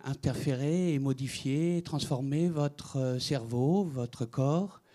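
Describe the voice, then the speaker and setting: A man's voice: mid-range voice, takes it slowly, warm tone. A middle-aged man from France giving a conference talk, hesitant, with many fillers and restarts. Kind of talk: conference presentation.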